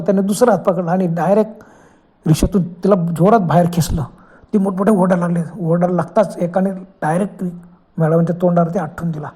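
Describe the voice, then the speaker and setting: Mellow husky male storyteller. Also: sits high. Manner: dramatic, exclaiming. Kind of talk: horror story narration.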